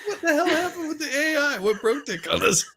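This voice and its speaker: A woman chatting with friends, giggly and excitable. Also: sits high, fairly quick, a little hiss or hum. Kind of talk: casual chat with friends.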